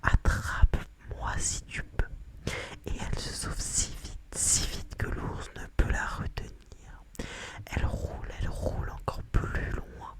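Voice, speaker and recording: Very slow whispered ASMR storyteller. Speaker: narrator. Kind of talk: whispered ASMR storytelling, reading a children's tale.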